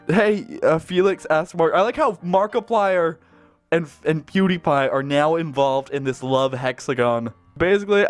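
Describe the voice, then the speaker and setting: A man reading fan fiction aloud, breaking off often with excited, gushing reactions and laughter. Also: a little high.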